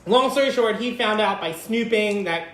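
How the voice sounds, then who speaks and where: A man from Philadelphia hosting a podcast, telling a story in animated, campy casual chat. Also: high voice, normal speed. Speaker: podcast host. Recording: roomy echo.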